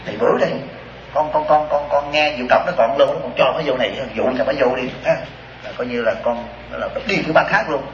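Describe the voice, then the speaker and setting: A man with a Southern Vietnamese accent, a Buddhist monk teacher giving a dharma talk in an animated, exclamatory storytelling way to a seated audience. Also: mid-range voice, slight background noise. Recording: roomy, slightly dull recording.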